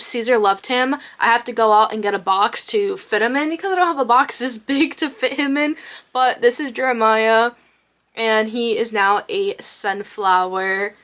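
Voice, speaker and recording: A young woman chatting casually to camera as a crochet vlogger, bubbly and gushing with quick bursts of excitement. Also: a little high.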